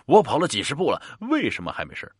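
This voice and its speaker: A brash, hot-tempered gambler who bristles at any insult, voiced by a male narrator. The voice is husky and swings widely in pitch. It sounds close and dry. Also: wildly swooping pitch, quick pace, no echo. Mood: indignant. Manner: brash, indignant.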